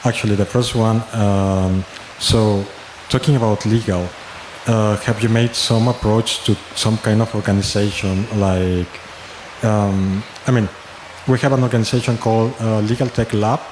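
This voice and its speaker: A man in the audience at a conference-room talk asks long, rambling questions full of fillers, and German is not his first language. His voice is lowish and steady at a normal speed. The recording echoes like a hall, with faint noise.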